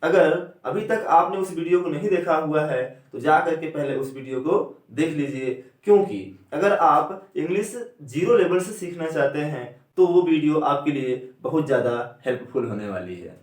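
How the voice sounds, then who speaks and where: Guy teaching a lesson, keeps quizzing then answering himself, bit high voice, roomy echo. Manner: asks questions then answers them himself; slows down to spell out vowel sounds. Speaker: English teacher. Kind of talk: classroom lecture. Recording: echoey room, a bit far from the mic.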